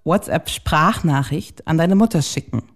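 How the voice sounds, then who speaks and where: A woman hosting a casual podcast chat, teasing her co-host and reading out questions slowly and deliberately. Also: low-pitched, lively intonation.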